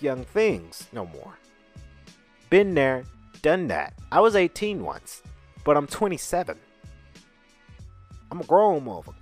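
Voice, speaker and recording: Podcast host, man in his late 20s, candid and rambling, animated pitch, faint music underneath. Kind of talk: casual chat.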